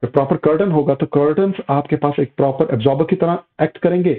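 A man's voice: on the high side, brisk. Man lecturing physics over tinny audio. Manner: explains step by step, asks and answers his own questions; addresses students as "beta". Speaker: physics teacher. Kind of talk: classroom lecture.

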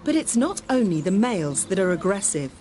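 A woman's voice: medium pitch, very animated, a little fast, dark tone, faint music behind. A woman reading scripted narration for a nature documentary.

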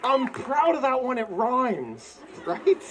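A man's voice: very high-pitched, big pitch swings, slow. A middle-aged man doing playful, wry comedy patter as a stage performer at an outdoor fair, projecting like a showman. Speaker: fair stage performer, fire and whip act. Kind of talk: live street-show comedy patter. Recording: noisy outdoor crowd recording from audience. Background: crowd noise and laughter.

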